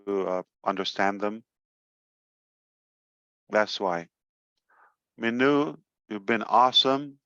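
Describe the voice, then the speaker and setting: Slow, smooth-voiced male host. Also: on the low side, a bit bright, dry recording, lo-fi sound. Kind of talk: casual chat.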